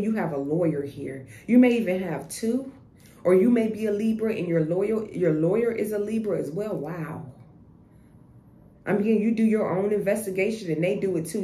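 Warm and fairly low-pitched, a woman does a casual tarot reading in an echoey room with faint noise. She's blunt and swears, tending to repeat herself and restart her sentences.

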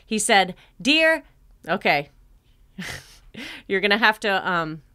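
A woman's voice: mid-range voice, big pitch swings, takes it slowly, bright, forceful tone. An American woman co-hosting a podcast, chatting casually and reading out stories in a jokey, exclamatory way. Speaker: podcast co-host.

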